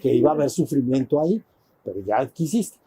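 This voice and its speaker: A man's voice: medium pitch, animated, fairly quick, mellow, breathy edge. A man voicing a lazy, unbothered male god who grumbles at his wife and tells her so. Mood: told-you-so. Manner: teasing, grumbling, dismissive.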